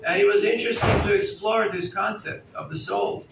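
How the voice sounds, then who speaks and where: A man with a high, creaky voice speaks at a moderate pace, delivering a chatty, conversational sermon as a spiritual teacher to a live audience, often joking and asking them questions. He's in an indoor hall at a festival gathering, picked up by a distant mic, with an echoey sound and faint room noise.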